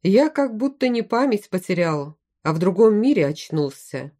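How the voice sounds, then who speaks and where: A woman's voice: medium pitch, sing-song, moderate pace. A woman voicing a friendly young bearded craftsman who has lost his memory. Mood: bewildered. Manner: warm hospitable greetings.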